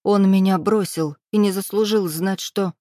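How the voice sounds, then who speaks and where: A woman's voice: medium pitch, steady tone, moderate pace, mellow, dry recording, close to an everyday voice. A woman reading the lines of a frightened young pregnant woman in an audiobook, pleading and defiant, close to tears. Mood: pleading, tearful.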